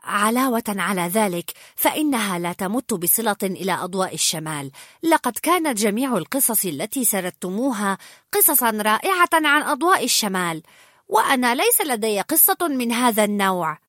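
A woman's voice: medium pitch, sing-song, fairly quick, fairly bright tone, no room sound, clean studio sound. A woman voicing a shy, kind young troll boy in a storybook, speaking bashfully and stumbling over his words.

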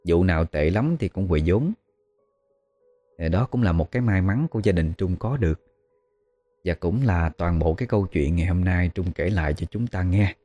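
A man with a Southern Vietnamese accent narrates a ghost story in a very low, dark, mellow voice. He speaks in a measured way, pausing on fillers as he goes. Faint music runs quietly behind him. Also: expressive. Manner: slow, measured, hesitant with fillers.

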